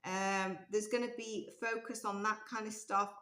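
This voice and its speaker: A tarot reader whose voice is slipping away speaks at a moderate pace in a medium-pitched, steady, fairly bright tone with a little strain. Her casual reading wanders aloud, dotted with ums and restarts. She sits indoors at a table with candle and cards, recorded by an overhead camera showing her hands, with roomy echo.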